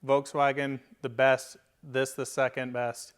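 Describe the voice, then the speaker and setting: A man's voice: medium pitch, level tone, clear, resonant tone, dry recording. Easygoing man giving car opinions. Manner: easygoing, agreeable, measured opinions. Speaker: co-host reviewing cars. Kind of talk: casual car review chat. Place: inside a parked car.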